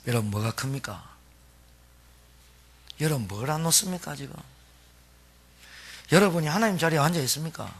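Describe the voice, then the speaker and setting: A middle-aged male pastor preaches a sermon emphatically and repetitively, firing questions at the congregation and having them repeat after him. His husky voice is on the high side, expressive, with a moderate pace and frequent pauses.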